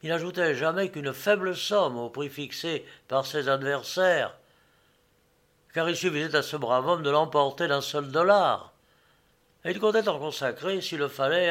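A man narrating a classic novel as an audiobook, in a measured, expressive storytelling manner. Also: a little high.

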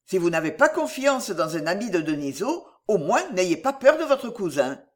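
A reader voicing a courteous bearded colonel who speaks politely and with gentle amusement. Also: mid-range voice, big pitch swings, moderate pace, close to an everyday voice.

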